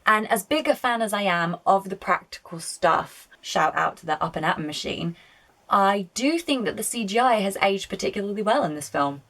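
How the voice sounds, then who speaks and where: A woman's voice: medium pitch, expressive, normal speed, a bit bright. A woman giving casual video-essay film commentary, chatty, opinionated and prone to swearing. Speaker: film reviewer.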